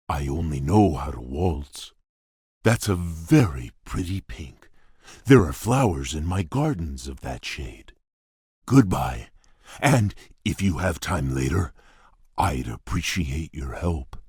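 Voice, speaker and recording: A courtly fairy-tale beast prince for a video game, with a deep and heavily husky voice. He speaks slowly and formally, gruff yet shy and earnest. The sound is close and dry. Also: animated, darkish tone, dry recording, exaggerated voice. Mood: courteous. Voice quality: husky, deep, gravelly rumble. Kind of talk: video game character voice lines.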